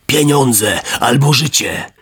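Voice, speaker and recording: Guy playing a hooded storybook robber, slow and threatening, husky edge. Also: medium pitch, animated, a bit bright, exaggerated voice. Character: menacing hooded male robber, gruff. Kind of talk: storybook reading.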